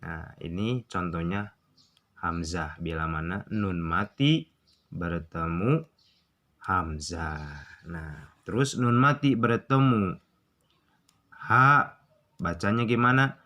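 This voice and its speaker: A young man with a Sundanese accent, teaching Quran recitation rules in a casual tutorial, drawing out examples slowly and asking and answering his own questions. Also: deep voice, bright, forceful tone.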